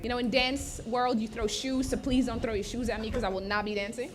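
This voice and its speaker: A woman's voice: a little high, steady tone, a little fast, background noise. A woman from Sudan, a slam poet, chatting playfully with a festival audience on stage before she performs.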